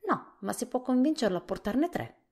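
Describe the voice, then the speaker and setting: A woman reading a storybook softly, voicing a thoughtful, worried male scarecrow king. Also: a little high, very animated, moderate pace, pitched above the performer's own voice.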